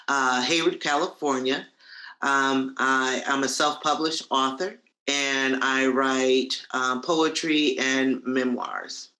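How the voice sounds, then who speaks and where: A woman author introducing herself slowly and deliberately over a video call. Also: extremely low pitch, a bit bright. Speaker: self-published author. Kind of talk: brief self-introduction.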